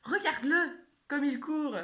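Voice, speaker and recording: A woman voicing a chatty, easily startled little female mouse, high and flustered. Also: unhurried, fairly bright tone. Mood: excited.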